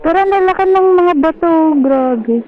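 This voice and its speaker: A woman's voice: very high voice, expressive, moderate pace, narrow, tinny audio. A woman walking along outdoors, chatting with teasing short replies and laughing often. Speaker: vlogger's companion. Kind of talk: casual chat. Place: outdoors on a hiking trail.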